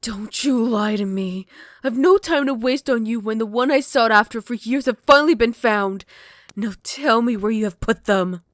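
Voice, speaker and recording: In an ASMR roleplay, a woman voices a possessive female vampire queen whose intimate, gentle whispers turn into enraged, shouted threats. Her fairly high voice moves at a moderate pace, the recording is dry, and the performance lightly acted.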